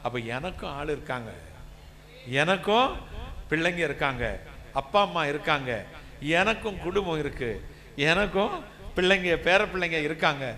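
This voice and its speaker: A male pastor from India preaching a sermon, telling personal stories and building to loud, emphatic preaching. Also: on the high side, moderate pace, pauses often.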